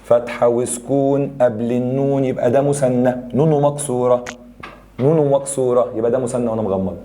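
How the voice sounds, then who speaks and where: A young adult man with an Egyptian accent teaching a grammar review lesson, explaining rules and firing quick questions at students. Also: mid-range voice, fairly even intonation, dark tone, slight background noise. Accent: Egyptian Arabic.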